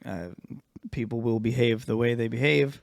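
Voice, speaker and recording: A man's voice: medium pitch, steady tone, moderate pace, creaky, no room sound, studio quality. A man co-hosting a podcast in casual chat, rambling and swearing, often losing his train of thought. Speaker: podcast co-host.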